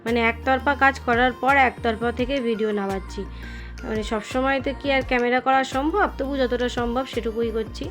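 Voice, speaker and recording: A woman's voice: a little high, fairly even intonation, brisk, a bit bright, soft background music. A woman in her thirties chatting casually in a voice-over about her cooking and housework, rambling and losing her train of thought. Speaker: home cooking vlogger.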